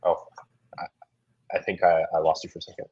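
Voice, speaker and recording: A man's voice: deep voice, level tone, fairly quick, darkish tone, slightly rough, highs cut off. A man hosting a casual sports chat over a call whose audio glitches and drops, talking in a hedging way full of fillers. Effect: glitching, dropping call audio. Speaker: podcast host.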